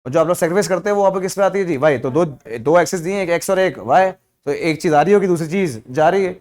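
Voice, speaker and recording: A man's voice: fairly high pitch, fast talker. A man teaching economics to a class, asking the students rhetorical questions and mixing English terms into his Hindi. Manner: scolds students loudly when they laugh. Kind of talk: classroom lecture.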